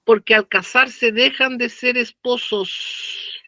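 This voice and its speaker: Chilean man lecturing with a bright, high voice. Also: steady tone, takes it slowly, no echo, highs cut off. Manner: conversational, uses slang and rhetorical questions. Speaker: law professor.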